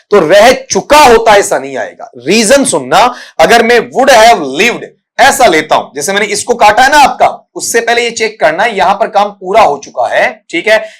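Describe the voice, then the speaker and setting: Higher-voiced Hindi-speaking male English tutor. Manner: addresses students as "बच्चा" and "बेटा", spells and sounds out words slowly; filler "आपका" repeated constantly. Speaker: English teacher. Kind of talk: exam-prep grammar lesson in Hindi.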